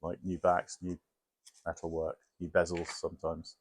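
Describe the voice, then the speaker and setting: A man chatting casually in a garage workshop about restoring a car, relaxed and rambling as he explains plans. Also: low voice, moderate pace, husky. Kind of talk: casual chat while working on a car.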